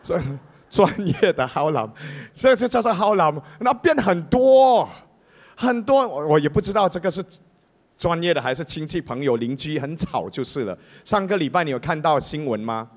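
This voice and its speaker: A Malaysian-accented man preaches a sermon, telling the story with lively, swooping intonation. His voice sits a little high for a man. He keeps slipping into impressions of other people as he goes. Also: moderate pace. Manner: animated storyteller, mimics voices. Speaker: pastor.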